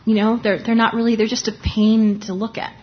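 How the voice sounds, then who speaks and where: A woman's voice: fairly high pitch, little pitch movement, a little fast, highs cut off. A woman lecturing on dermatology in a conversational, explanatory way, restarting sentences often and talking with a lozenge in her mouth. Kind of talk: live lecture.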